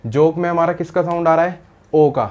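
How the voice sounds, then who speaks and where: A man with a voice a bit above the usual pitch teaches shorthand outlines to his students. He goes through each word step by step and keeps stopping to check that they have understood. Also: steady tone, brisk, lo-fi sound. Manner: explains patiently, often asks "samajh aaya?". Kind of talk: step-by-step lesson.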